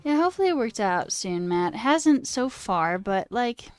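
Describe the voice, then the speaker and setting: A young adult woman, a live coding streamer, puts on a British accent while chatting casually and reading comments aloud, theatrical and self-deprecating, with music behind her. Her voice is a little high, clear and resonant, with big pitch swings and normal speed, and there's no room sound.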